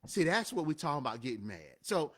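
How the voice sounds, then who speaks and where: A man co-hosting a live show, telling stories in an animated, emphatic, motivational way. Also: on the high side, fast talker, breathy edge. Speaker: co-host of a live show and podcast. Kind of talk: motivational casual talk.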